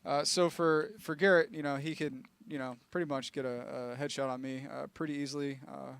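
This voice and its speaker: Gravelly-voiced man explaining game changes. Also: mid-range voice, fairly quick, no echo. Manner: relaxed, explanatory, many fillers. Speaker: game developer. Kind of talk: casual livestream explanation.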